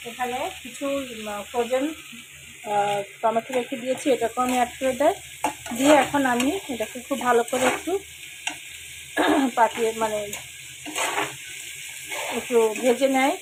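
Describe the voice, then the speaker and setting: A woman with a hoarse voice, casually talking viewers through her cooking step by step as host of a cooking channel. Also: fairly high pitch, steady tone, unhurried, long pauses. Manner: talks viewers through each step, mixing in English words. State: hoarse, throat trouble. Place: home kitchen. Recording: sizzling pan noise behind.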